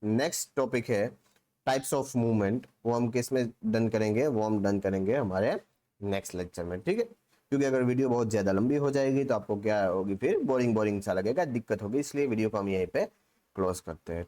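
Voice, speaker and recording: A man's voice: fairly low pitch, animated, normal speed, warm tone. Man teaching biology in Hinglish. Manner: asks rhetorical questions and answers them himself; repetitive, with frequent "theek hai". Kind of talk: Hinglish classroom lecture.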